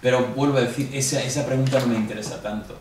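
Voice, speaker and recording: A Greek teacher with a Spanish accent and a mid-range, steady, slightly mellow voice talks fast while giving a class a review lesson, explaining step by step and asking the students questions. The audio has an echoey room, a distant mic, and a faint hum.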